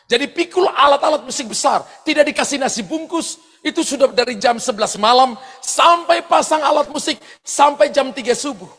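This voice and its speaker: A pastor telling personal stories in a sermon, animated, often shouting out quoted lines and laughing as he goes. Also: very high-pitched, brisk. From eastern Indonesia. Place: large church hall. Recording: long hall reverb from church sound system.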